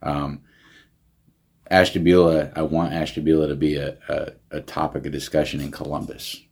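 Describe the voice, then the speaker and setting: A man's voice: rumbling low, level tone, normal speed, vocal fry, darkish tone, breathy edge. A man, a county veterans service director, talking earnestly in an interview with frequent restarts. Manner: earnest, many restarts and fillers. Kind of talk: casual interview talk.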